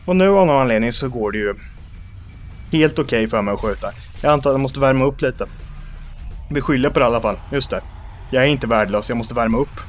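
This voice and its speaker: A young Swedish man hosting a let's play, joking about himself and yelling in panic at enemies. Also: medium pitch, soft background music. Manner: jumpy, self-mocking, shouts in panic at enemies. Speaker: gaming channel host.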